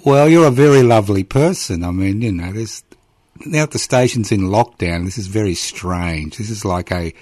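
A man's voice: fairly low pitch, expressive, normal speed, darkish tone, dry recording. An older man, hosting a casual radio interview from a studio in a chatty, teasing way. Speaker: radio host.

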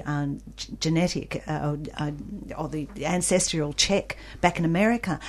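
A woman talks through a novel she loved with its author. Her voice sits fairly low and has a husky edge. She speaks with eager enthusiasm and often restarts her sentences. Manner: enthusiastic, animated, with frequent restarts and laughs. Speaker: radio book reviewer interviewing an author. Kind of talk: conversational book discussion.

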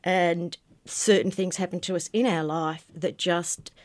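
A woman over fifty talks frankly and conversationally as a radio guest. Her voice sits fairly low. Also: steady tone, measured pace, no room sound. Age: 50s. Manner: candid, conversational. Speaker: guest, peer educator. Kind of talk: casual radio interview.

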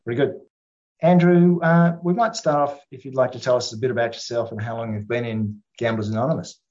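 A man's voice: medium pitch, fairly even intonation, a little fast, a little mellow. Australian male community radio host, slightly muffled. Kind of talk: radio interview hosting. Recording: dull, lo-fi radio audio.

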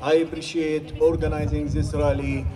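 A man from Gaza, giving an impassioned protest speech at an outdoor rally, sometimes rising to shouts. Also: fairly high pitch, flat delivery, normal speed. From Gaza, Palestine. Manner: forceful, rising to shouts at times. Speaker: rally speaker. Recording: distant reverberant rally recording with faint noise.

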